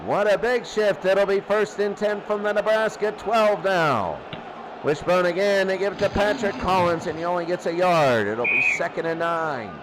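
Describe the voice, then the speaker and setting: A man with a high-pitched voice calls a football game play by play at a moderate pace over a noisy background. His commentary is excitable, delivered in short, clipped calls, and he often repeats his phrases.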